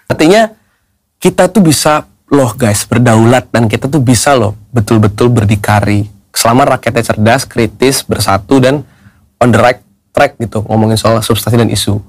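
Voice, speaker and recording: Male podcast host, mid-pitched voice, casual animated chat with English phrases mixed in. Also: moderate pace, husky, no echo, studio quality.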